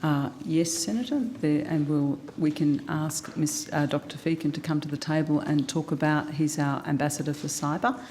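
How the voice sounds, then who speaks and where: A woman official answers a committee in composed, bureaucratic phrasing. Her voice is low and mellow, with faint ambient noise. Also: fairly even intonation, normal speed, few pauses. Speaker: senior department official. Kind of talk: formal testimony.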